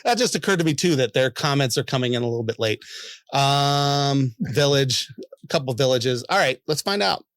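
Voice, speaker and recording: A man's voice: medium pitch, expressive, normal speed, fairly bright tone, no echo. A man hosting a casual quiz chat, laughing often and trailing off in fillers and restarts. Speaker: host.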